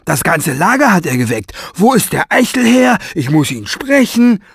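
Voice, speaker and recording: A man voicing a big, good-natured strong man who blurts everything out loudly and gets flustered. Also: high-pitched, sing-song, moderate pace, slightly rough, no echo, clean studio sound, pitched above the performer's own voice, heavily acted.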